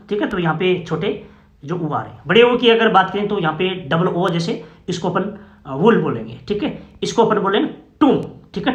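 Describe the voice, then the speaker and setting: A man with a high, light voice teaches a classroom phonetics lesson. He goes step by step and keeps checking that his listeners follow. The sound carries a noticeable echo from the room. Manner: explains step by step with frequent "okay?" checks.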